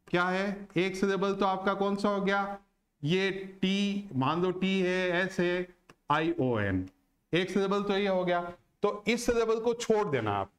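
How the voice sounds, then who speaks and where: A man teaching a lesson on word stress, slow and deliberate, who asks questions and answers them himself. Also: high voice. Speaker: English teacher.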